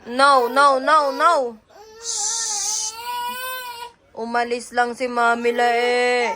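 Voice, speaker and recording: A young woman babysitting a baby, talking in soft, coaxing, singsong baby talk that often drops to a hush. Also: sits high, lively intonation, extremely slow. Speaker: older sister babysitting a baby. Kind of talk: casual baby talk in home vlog.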